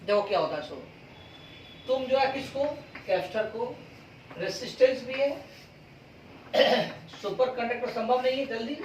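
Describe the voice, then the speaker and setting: A man teaching physics in a classroom, speaking slowly and pausing over each step. He keeps asking his students questions and then answers them himself. His voice comes from some distance away and echoes around the room, with faint room noise underneath. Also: very high-pitched. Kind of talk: classroom lecture. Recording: roomy classroom sound from a distance.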